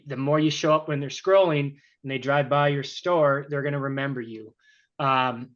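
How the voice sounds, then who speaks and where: A man speaking as a panelist on a video-call webinar, relaxed, with many fillers. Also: medium pitch, muffled recording.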